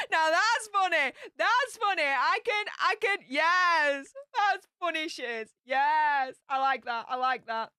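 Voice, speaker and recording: A woman with a Yorkshire accent hosts a casual livestream, reading viewer comments aloud and answering them chattily with broad local slang. Her high-pitched voice is animated yet slow and sharp-toned, recorded with clean studio sound and no room sound.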